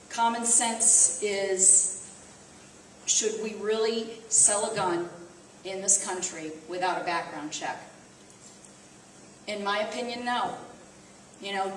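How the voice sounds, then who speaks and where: A volunteer speaker, a woman from the American Midwest with a Midwestern accent, talks casually to a small audience in a mid-pitched voice. She's conversational, using fillers and correcting herself, in an echoey room with a distant mic and slight background noise.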